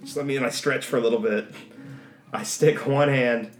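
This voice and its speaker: A man's voice: medium pitch, fairly even intonation, normal speed. A man playing a tabletop game, joking and describing his character's actions. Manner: joking, chatty. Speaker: player. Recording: roomy recording with soft guitar music.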